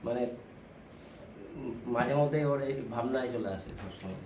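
Male, patient's husband, rapid speech, roomy off-mic sound. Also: mid-range voice, a little mellow, slight background noise. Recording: echoey, off-mic in a room.

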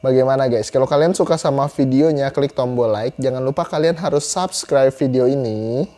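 This gear review comes from a young man whose warm, mid-range voice moves at a normal speed. Chatty and casual, he repeats phrases for emphasis while filming his YouTube video indoors in a small room on a clip-on lapel mic.

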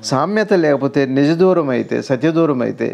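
Gravelly-voiced man teaching spirituality. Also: a little high, expressive, fairly quick, a little mellow. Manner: explanatory, asks rhetorical questions, builds long lists. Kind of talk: conversational spiritual discourse.

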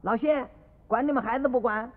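A man voicing indignant, bossy household stewards who talk loud and fast, heard on an old radio recording with long reverb. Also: very high voice, phone-quality sound, pitched above the performer's own voice.

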